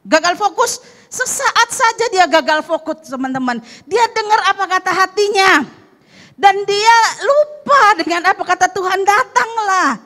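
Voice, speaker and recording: A woman pastor preaching a lively sermon, acting out the story and putting questions to the congregation. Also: very high-pitched, measured pace. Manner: animated, acts out the story and asks the congregation questions. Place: church service.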